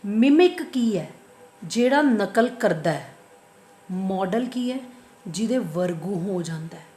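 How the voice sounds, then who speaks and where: A woman's voice: medium pitch, expressive, slow, warm tone. Echoey Punjabi woman teaching biology. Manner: asks and answers her own questions, repeats key terms. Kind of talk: online lecture.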